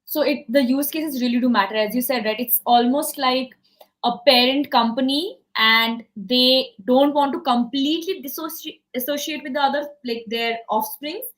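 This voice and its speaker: A woman's voice: sits high, moderate pace, a bit bright. A woman hosting a webinar, summing up her guest's points in her own words. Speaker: interviewer host. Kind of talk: webinar conversation.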